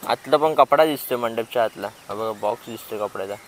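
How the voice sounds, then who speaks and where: A man's voice: medium pitch, brisk. Chatty young Marathi-accented man outdoors. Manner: chatty, laughs often, gets louder and excited when riding with his friend. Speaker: vlogger. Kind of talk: casual vlog chat. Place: outdoors, streets and cricket ground. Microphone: mounted camera while riding, handheld. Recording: noisy outdoor phone video.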